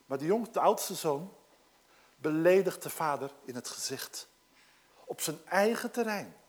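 A preacher delivering a sermon and explaining a scripture passage, moving between loud, emphatic passages and hushed, almost whispered asides. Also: mid-range voice, lively intonation, unhurried. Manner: explains a scripture text to a congregation.

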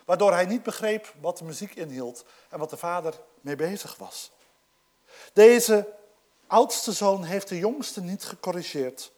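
Dramatic preacher with a lively, swooping voice. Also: medium pitch, a little slow. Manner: dramatic swings between loud emphatic passages and near-whispered asides; explains a scripture text to a congregation. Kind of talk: sermon.

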